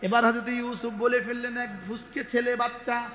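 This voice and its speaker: A man's voice: extremely high pitch, level tone, moderate pace, bright, forceful tone, slight background noise. A male preacher giving an Islamic sermon, chanting Arabic verses and calling out questions to the congregation. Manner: chanting Arabic verses, call-and-response with the crowd. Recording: echoey hall with long reverb.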